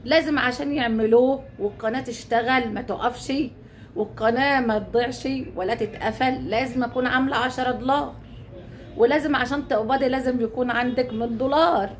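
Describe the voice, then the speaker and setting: A woman's voice: fairly high pitch, fast, a little hiss or hum. An Egyptian woman talking casually to her viewers, chatty, swearing oaths and calling them her dear ones. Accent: Egyptian Arabic. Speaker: YouTube channel host.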